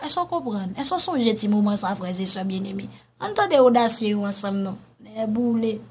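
A woman with a Haitian accent giving animated casual commentary, often calling her listeners brothers and sisters. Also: mid-range voice, normal speed, a little hiss or hum. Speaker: online commentator.

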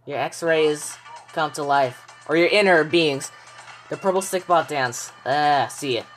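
A woman giving casual reaction commentary, chatty and reminiscing. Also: low-pitched. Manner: chatty, reminiscing, quick laughs. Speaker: video reactor. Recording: voice over loud background music.

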